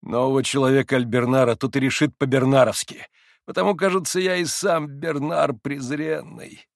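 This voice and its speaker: A man voicing an anguished young man awaiting trial, speaking with urgent, impassioned pleading that climbs toward desperate shouts. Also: mid-range voice, animated, a little fast, gravelly, breathy edge, no echo, clean studio sound. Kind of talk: audiobook character voice.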